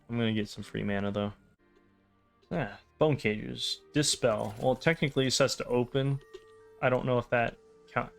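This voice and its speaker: A man hosting a game playthrough with casual, wry, deadpan commentary and rambling asides. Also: medium pitch. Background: game music.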